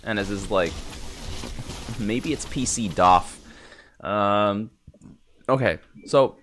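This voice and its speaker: Low-voiced, stuffy gamer guy chatting. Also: slow pace, a bit bright, slight background noise. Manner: laid-back, rambling, chatty with viewers as "boys". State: stuffy nose. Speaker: gaming YouTuber. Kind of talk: casual live gameplay commentary. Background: game music and sound effects.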